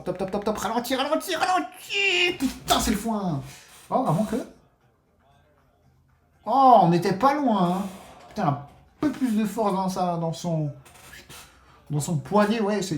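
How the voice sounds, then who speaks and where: A man with a fairly high voice calls out his casino bets live, excitable and given to swearing. He talks straight to his viewers as his friends, and his voice rings a little in an echoey room. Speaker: casino streamer. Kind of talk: live gambling commentary.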